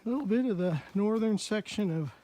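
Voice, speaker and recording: A man's voice: sits high, lively intonation, fairly quick, dark tone. A man vlogging outdoors on a wooded mountain trail, with folksy, chatty narration into a handheld camera. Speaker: hiking vlogger.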